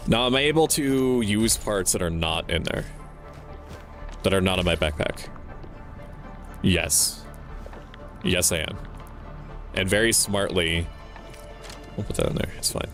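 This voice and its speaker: A man's voice: low-pitched, unhurried, pauses often, a bit bright, faint music behind. A man livestreaming a game, thinking aloud in casual commentary with a playful, sweary manner. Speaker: livestreamer, VTuber. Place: indoor livestream setup with game music behind.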